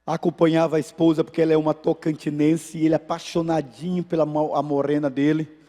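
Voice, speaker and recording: A pastor with a Brazilian Portuguese accent delivers a sermon full of stories, talking quickly in a voice that sits high for a man. He's animated, acting out the characters in his anecdotes with lively voice shifts. The sanctuary gives the sound a long reverb.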